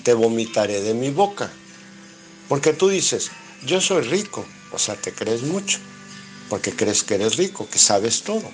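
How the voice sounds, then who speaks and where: A man's voice: mid-range voice, big pitch swings, a little slow, faint music behind. A man with a Mexican accent giving a Bible study sermon, reading scripture aloud and explaining it line by line, asking rhetorical questions and answering them himself. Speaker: preacher.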